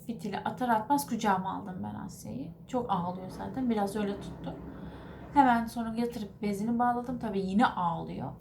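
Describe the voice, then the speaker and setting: A woman's voice: medium pitch, fairly quick, gravelly, background noise. Earnest rambling woman vlogger. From Turkey. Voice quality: rambling, self-correcting recounting. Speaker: vlogger, mother of an infant. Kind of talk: casual storytelling to the camera.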